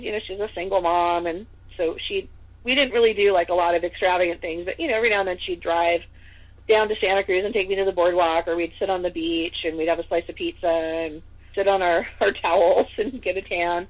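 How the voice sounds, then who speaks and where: A woman's voice: fairly low pitch, fast. A woman from Northern California telling a personal story as a podcast guest, in a casual chatty way full of fillers. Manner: chatty, full of "like" and "you know". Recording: tinny phone-like line.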